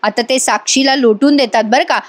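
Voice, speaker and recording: Animated woman recapping a serial. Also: sits high, fairly quick. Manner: animated retelling, addresses viewers directly. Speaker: TV serial reviewer. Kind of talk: voice-over episode recap.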